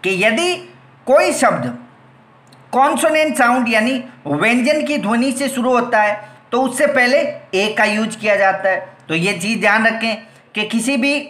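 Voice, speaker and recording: A woman's voice: on the high side, lively intonation, unhurried, fairly bright tone. A woman teacher giving a grammar lesson, patiently going step by step, repeating herself and answering her own questions. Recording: echoey room.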